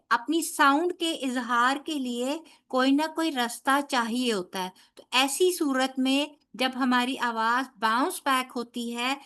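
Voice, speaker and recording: A woman teaches a tajweed lesson on Quran recitation, patiently demonstrating how letters should sound and making sure her students keep up. Her voice is high and fairly bright.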